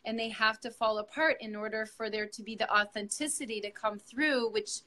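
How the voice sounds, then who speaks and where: Speaking quickly in a slightly high, bright voice, this middle-aged yoga instructor sounds forceful though her intonation stays fairly even. She's recounting her journey to her coach in an earnest, thoughtful interview, full of fillers and false starts.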